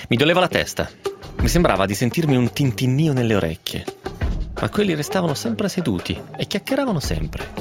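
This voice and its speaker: Guy doing an intense radio reading, pitch all over the place, music behind. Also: vocal fry. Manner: intense, building, expressive delivery. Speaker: radio host. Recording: music playing under the voice.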